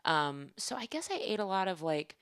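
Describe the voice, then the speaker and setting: A woman's voice: mid-range voice, animated, moderate pace, fairly bright tone, clear, resonant tone, no room sound, studio quality. A woman from California chatting casually as a comedian guest on a podcast, rambling with lots of fillers.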